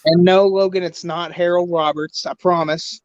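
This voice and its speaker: A twenty-year-old man talks casually as a podcast guest, teasing and quick to laugh. His voice sits a little high. The sound is dry and slightly dull. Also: fairly even intonation, smooth, no room sound. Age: 20s. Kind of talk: casual chat.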